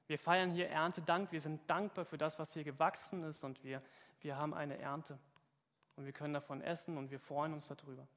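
A man's voice: on the high side, level tone, brisk, fairly bright tone, long reverb tail. A man preaching a sermon and reading a parable aloud, earnest and questioning, talking straight to his congregation.

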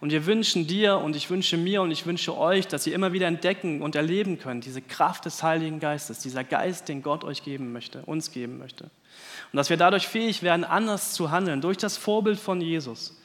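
A man preaching a sermon in a church, emphatic, stacking lists of words and letting phrase ends fall quiet. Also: a little high, normal speed, long reverb tail.

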